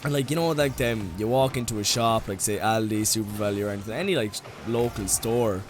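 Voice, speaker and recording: A young Irish vlogger delivers a comedic rant, rambling and swearing and saying "like" constantly. His voice is on the low side and fairly quick, with soft music playing behind him.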